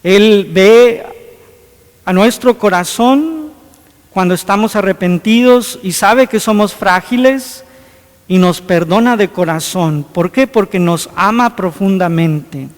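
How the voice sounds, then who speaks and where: A man's voice: high voice, slow pace. A man preaching a homily as a priest, earnest, with many rhetorical questions. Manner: earnest, rhetorical questions, acts out scripture scenes. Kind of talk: sermon. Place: church. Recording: long hall reverb.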